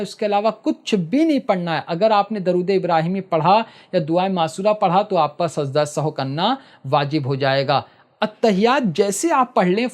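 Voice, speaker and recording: Guy patiently explaining how to pray step by step, keeps saying listen carefully. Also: high-pitched. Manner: switches to slow chanted recitation for prayer texts. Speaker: prayer teacher. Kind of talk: step-by-step spoken instruction.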